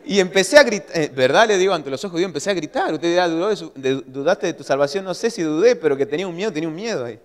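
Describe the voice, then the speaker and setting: Animated pastor in an echoing church hall. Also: male voice, fairly high pitch, rapid-fire, hardly any pauses. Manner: animated storytelling, acts out his own shouting. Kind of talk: sermon. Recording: long church hall reverb.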